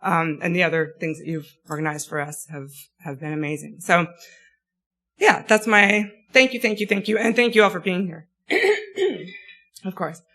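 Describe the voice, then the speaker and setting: A woman giving an academic talk, losing her voice and clearing her throat, with many ums and a chatty, self-deprecating manner. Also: on the low side, lively intonation, normal speed, fairly bright tone. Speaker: guest speaker.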